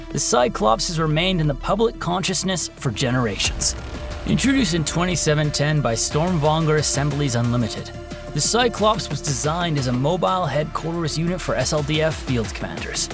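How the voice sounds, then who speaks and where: A man narrating a sci-fi war story and then an equipment history in a measured, dramatic scripted style. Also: on the high side, lively intonation, vocal fry, over music.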